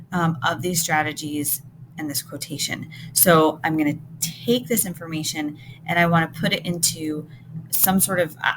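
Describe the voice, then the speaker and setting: A woman with a somewhat low voice walks students through a text, thinking aloud and checking in with "right?". She explains patiently, like a recorded lesson. A steady hiss of noise sits under her voice. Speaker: teacher. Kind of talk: recorded classroom lesson, close reading. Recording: noticeable background noise.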